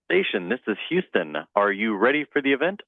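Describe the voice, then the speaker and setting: A man's voice: mid-range voice, sing-song, brisk. Man on a tinny space radio link. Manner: crisp formal radio protocol. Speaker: mission control communicator.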